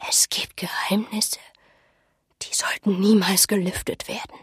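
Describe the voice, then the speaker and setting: A woman voicing an eerie old village woman who speaks in a slow, breathy whisper of omens. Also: mid-range voice, flat delivery, no room sound, clean studio sound. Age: over 60. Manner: slow, ominous, sniffing. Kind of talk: audiobook reading.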